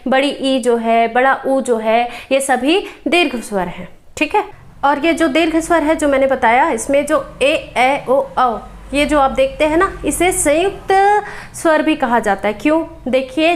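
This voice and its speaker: A woman teaches in a notably high voice, taking an exam-prep grammar lesson step by step. She repeats every point and keeps checking that her listeners follow. She often asks a question and answers it herself. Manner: patient, repeats points with frequent "ठीक है" check-ins.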